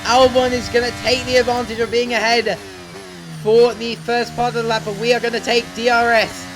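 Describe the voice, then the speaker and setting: A young gaming YouTuber gives breathless, urgent play-by-play of his own racing game, narrating every move as it happens. His extremely high voice barely moves in pitch and runs brisk, with game music clearly audible underneath and a noisy background.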